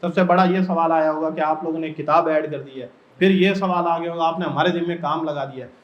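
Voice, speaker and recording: High-voiced man leading a teacher workshop. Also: fairly even intonation. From Pakistan. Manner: explains step by step and keeps asking the audience questions. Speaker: teacher trainer. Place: training room. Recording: echoey room, dull lo-fi sound.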